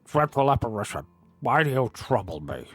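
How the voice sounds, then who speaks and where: Scared old miser, raised trembling pleas, lively pitch, a man doing the voice, dry sound, faint music. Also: measured pace, no echo. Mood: pleading. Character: frightened old miser, pleading.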